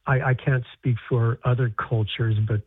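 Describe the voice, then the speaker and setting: A man's voice: mid-range voice, fairly even intonation, breathy edge, no echo. An American man talks as an author guest in an interview, stumbling and restarting his sentences often. His voice comes through a tinny, phone-like line. It sounds dry, with no room around it. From United States. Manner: halting, many restarts and repeated words. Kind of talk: interview conversation.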